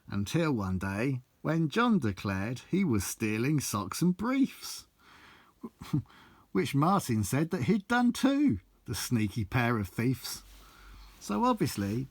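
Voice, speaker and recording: Reading from his own book, a man with a medium-pitched voice performs rhyming verse about his life. The manner is theatrical and blunt, with plenty of swearing, and the recording has no room sound.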